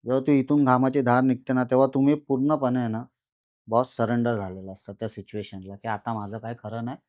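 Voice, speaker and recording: Animated man telling a horror story. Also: medium pitch, dry recording, clean studio sound. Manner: animated, repetitive, dramatic pauses. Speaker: guest storyteller. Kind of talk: first-person horror story in a podcast conversation.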